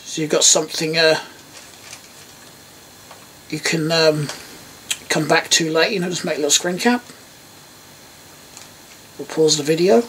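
Speaking with an English accent, a middle-aged man hosts a DIY electronics video, casually demonstrating and musing aloud in a small workroom indoors. He sounds a bit bright and on the high side, keeping a steady tone and measured pace with long pauses. A distant mic picks up some background noise.

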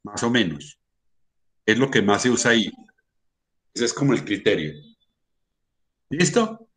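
A man's voice: on the low side, sing-song, a little slow, a bit bright. Colombian male music lecturer, methodical, filler-heavy explaining. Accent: Colombian Spanish. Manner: explanatory, sings rhythms in syllables, many fillers. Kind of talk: online lecture.

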